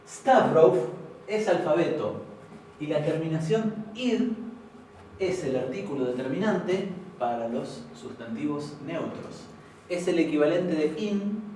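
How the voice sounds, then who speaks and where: A man teaching a language class, patiently explaining and repeating words slowly. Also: a little high, warm tone, a little hiss or hum. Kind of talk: informal classroom lesson. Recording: very echoey room, from far off.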